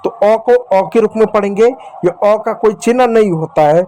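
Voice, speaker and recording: Patient high-voiced man teaching Hindi letters. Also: dark tone. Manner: patient, drills sounds slowly and repeats them, addresses viewers as children. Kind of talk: beginner Hindi reading lesson.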